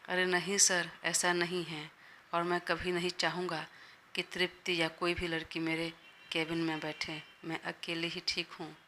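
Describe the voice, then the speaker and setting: A woman's voice: lowish voice, level tone, unhurried, bright, forceful tone, slight background noise. Woman voicing a deferential young male assistant.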